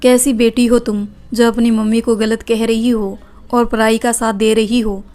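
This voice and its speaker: A woman's voice: fairly high pitch, flat delivery, a little slow, mellow. A woman voicing a harsh, domineering older mother-in-law in a read-aloud family story. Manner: scolding, commanding.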